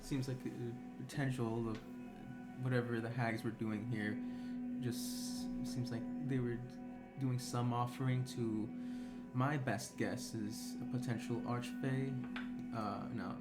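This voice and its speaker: A man talks slowly and hesitantly at a game table, improvising his explanation in a casual way. Loud music runs behind his middle-pitched voice. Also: fairly even intonation.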